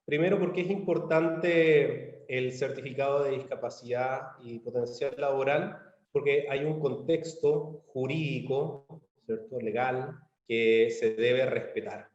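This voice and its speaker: Speaking from a roomy space over a dull, lo-fi video call on his computer mic, a man from Chile presents at an online conference in a measured way. He has a Chilean accent, and his medium-pitched, slightly mellow voice sits mid-range as he pauses on fillers and restarts phrases.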